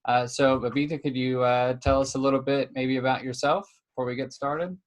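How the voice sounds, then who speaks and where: A man's voice: mid-range voice, steady tone, a little fast. A young man hosting a live stream interview on a video call, casual and full of fillers. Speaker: host.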